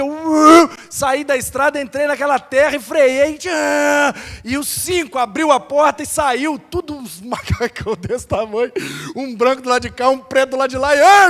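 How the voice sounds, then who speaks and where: A man's voice: extremely high pitch, a bit bright, long reverb tail. A male pastor with a Brazilian accent, telling a story in a sermon and acting out the dialogue and sound effects. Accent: Brazilian Portuguese. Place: church hall.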